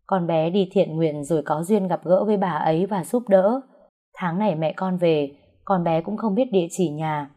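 A woman voicing a sorrowful older stepfather in a storybook, speaking gently and haltingly. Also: fairly low pitch, natural voice.

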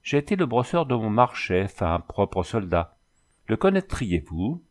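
A man's voice: fairly low pitch, sing-song, a little slow. A man voicing a boisterous, flirtatious former cavalry soldier who talks in boastful, rattling exclamations. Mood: excited.

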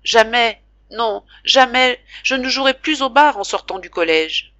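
A woman's voice: fairly high pitch, very animated, takes it slowly, a bit bright, no room sound, highs cut off, voice pushed up, heavily acted. A woman voicing a frightened, earnest young schoolboy who speaks with pleading urgency in a storybook reading. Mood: anxious.

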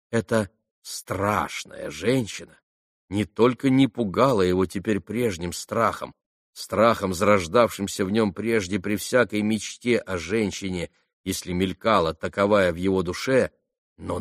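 A man narrating a literary audiobook in a measured, earnest manner. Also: lowish voice, no room sound, studio quality.

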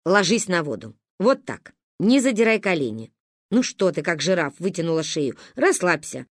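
A woman's voice: lowish voice, very animated, normal speed, no room sound, clean studio sound. A woman reading the part of an impatient father giving curt orders. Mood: bossy. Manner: brusque, commanding. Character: impatient, bossy father teaching swimming.

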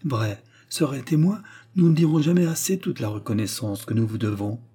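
A man voicing a proud, talkative forest warden, bright and eager in the reading of a novel. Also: mid-range voice, expressive, moderate pace, breathy edge. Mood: chatty.

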